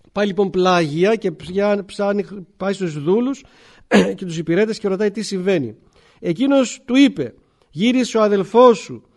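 Delivering a sermon in a fairly high voice with a darkish tone, a male priest guides listeners through scripture with rhetorical questions. Throat-clearing interrupts his speech often.

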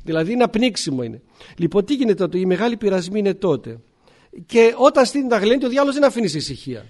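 A male priest delivers a sermon in a fairly high voice. He walks through scripture with rhetorical questions and clears his throat often as he talks. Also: very animated, darkish tone.

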